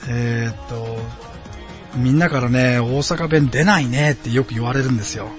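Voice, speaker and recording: A man's voice: mid-range voice, normal speed. A man in his late thirties from Osaka, hosting his own podcast in a friendly, rambling way with many hesitant fillers. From Osaka, Japan. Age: late 30s. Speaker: podcast host. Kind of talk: casual solo podcast chat. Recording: dull lo-fi sound with faint background music. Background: quiet background music.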